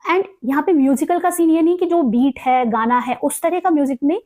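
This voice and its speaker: A woman explaining poetic meter in a recorded lesson, mixing Hindi and English, and stretching out syllables slowly when she reads example lines. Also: sits high, dark tone. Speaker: teacher.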